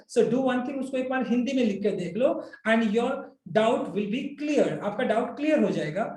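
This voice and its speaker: A man's voice: very high voice, a little mellow, roomy sound. A man with an Indian accent teaching English grammar to students, mixing Hindi and English and checking often with "right?". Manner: addresses students directly, checks understanding with frequent "right?". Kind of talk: explanatory classroom lecture.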